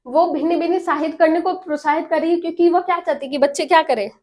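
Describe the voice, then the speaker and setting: A woman's voice: extremely high pitch, very fast, darkish tone. A woman teacher going through exam practice questions, asking the class questions and answering them herself. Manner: explains each option by asking and answering herself. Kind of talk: exam prep lesson.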